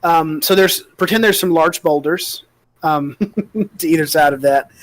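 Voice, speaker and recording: Halting, higher-voiced man running a game. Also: no room sound, poor audio. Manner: halting, hesitant delivery with frequent pauses. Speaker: game master. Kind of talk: improvised tabletop game narration.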